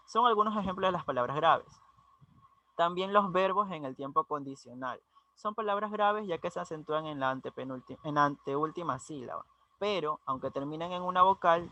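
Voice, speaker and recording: Male student presenter, halting read-through, bright voice, dull lo-fi sound. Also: fairly high pitch. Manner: reads haltingly, restarts words. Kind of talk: class presentation, reading notes. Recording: dull lo-fi audio.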